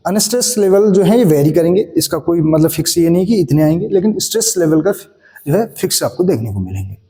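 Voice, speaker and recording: Male English-literature tutor, high voice, mellow tone, reverberant room; repetitive teacher talk. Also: animated, fast. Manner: explains and repeats key points, asks and answers his own questions; mixes English terms into Hindi. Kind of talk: exam-prep lecture. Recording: echoey room with long reverb.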